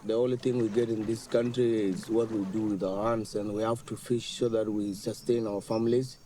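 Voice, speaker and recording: A man's voice: fairly low pitch, flat delivery, fairly quick, dark tone. A young man from Sudan, a fisherman speaking earnestly and plainly about his work outdoors at a riverside fishing camp. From South Sudan. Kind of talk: interview on camera.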